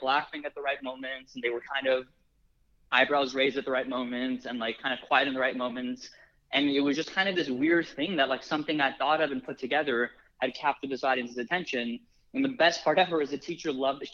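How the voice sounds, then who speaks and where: A man's voice: medium pitch, pushed and bright, dull audio. A young man from Los Angeles telling stories casually, with many likes and restarts. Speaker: film producer. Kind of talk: casual storytelling.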